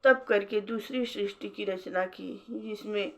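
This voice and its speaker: Slow, measured woman storyteller. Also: medium pitch, fairly bright tone. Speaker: devotional storyteller. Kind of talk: scripture narration. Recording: dull lo-fi recording.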